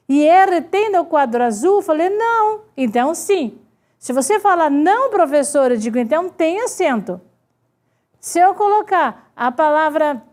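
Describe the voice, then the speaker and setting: A woman's voice: high voice, darkish tone. A woman teacher with a Brazilian accent giving an online grammar lesson, explaining step by step and often checking in with her students. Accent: Brazilian Portuguese. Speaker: Portuguese teacher.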